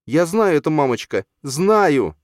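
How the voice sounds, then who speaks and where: A frightened boy of nearly ten, pleading and clinging to his mother in a storybook reading, as a man reads him in a raised, childish voice. He sounds high and jumpy, his pitch leaping around. The sound is dry and close. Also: sing-song, unhurried, dry recording. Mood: insistent.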